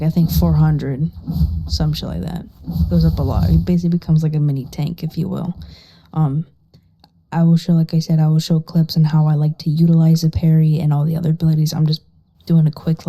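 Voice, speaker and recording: A woman keeps her voice down to a hushed, barely audible murmur that slips toward a whisper. It sits low and very mellow. She talks casually, with some swearing, as she walks through a game tutorial. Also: flat delivery, fairly quick. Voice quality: very quiet, hushed, partly whispered voice. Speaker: gaming guide creator. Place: living room at home.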